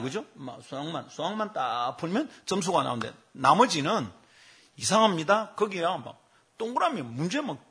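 A man's voice: a little high, slightly rough. A man, preaching a sermon as a pastor and telling stories with acted quotes. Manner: animated storytelling with acted quotes.

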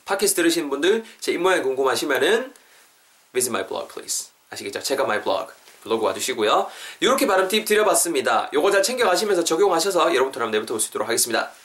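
A man hosting a podcast English lesson, repeating English phrases slowly for practice. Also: fairly high pitch, sing-song, a bit bright. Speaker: English teacher, podcast host.

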